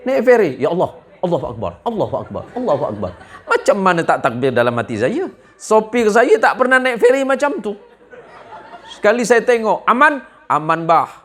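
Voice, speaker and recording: A man's voice: sits high, very animated, brisk, a faint crowd. A man from Indonesia, preaching a humorous sermon to a village gathering, telling jokes and acting out the voices in his stories. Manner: joking storyteller, acts out dialogue voices.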